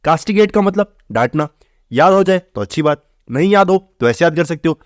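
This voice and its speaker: A man's voice: on the high side, lively intonation, a little fast, dry recording, studio quality. A man teaching English vocabulary for exam prep in a chatty way, often saying the words are very easy. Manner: chatty, repeats "theek hai" and "bahut easy hai".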